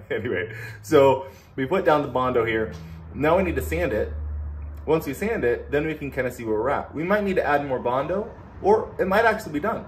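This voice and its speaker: A man in his thirties gives a casual DIY tutorial with speech slightly slurred, as if numb from the dentist. His pitch moves around in a lively way and he pokes fun at himself. The recording has some garage noise around him. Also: fairly quick. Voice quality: slurred, numb-mouthed speech from dental work. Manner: self-deprecating, joking. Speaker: DIY car restoration host. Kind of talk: casual hands-on tutorial chat. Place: home garage, indoors. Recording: noisy garage ambience.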